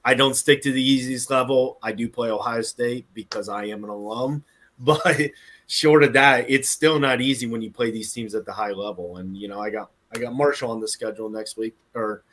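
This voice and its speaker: A man co-hosting a casual sports podcast, chatty and quick to laugh. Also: mid-range voice, steady tone, fairly bright tone. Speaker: podcast co-host. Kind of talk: casual chat. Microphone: video call setup.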